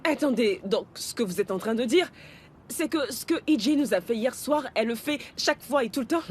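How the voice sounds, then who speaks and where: A woman's voice: a little high, animated, a little fast, faint music behind, close to an everyday voice. An actress playing a combative, complaining young woman, emphatic and dramatic, in a dubbed comedy-drama. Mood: indignant. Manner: emphatic, indignant.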